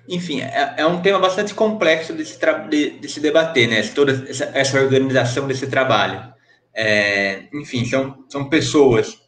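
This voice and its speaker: A young man with a Brazilian accent and a fairly high voice speaks hesitantly, full of restarts and fillers. His audio comes through a remote call that keeps glitching and dropping out. The sound is roomy and echoey. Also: a bit bright. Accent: Brazilian Portuguese. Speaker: guest researcher. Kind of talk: interview answers. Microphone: remote call connection.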